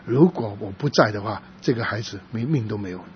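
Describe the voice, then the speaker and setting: A man preaching in a sermon, telling a story from his church work in a halting, soft-spoken way, with frequent restarts. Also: on the low side. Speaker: pastor. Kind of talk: sermon testimony. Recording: dull lo-fi with faint noise.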